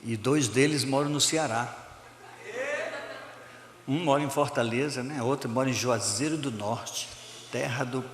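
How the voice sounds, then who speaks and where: A man's voice: mid-range voice, unhurried, long pauses. Man, middle-aged, pastor, conversational sermon, echoey church hall, faint noise. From São Luís, Maranhão, Brazil. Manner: relaxed, conversational preaching with frequent "né?". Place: church auditorium.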